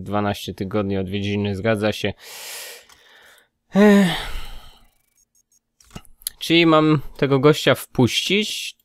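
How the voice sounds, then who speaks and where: Slow, smooth-voiced man mumbling gameplay. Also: mid-range voice, no echo, studio quality. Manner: mutters while checking documents, thinks aloud. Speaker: let's play gamer. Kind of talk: casual gameplay commentary.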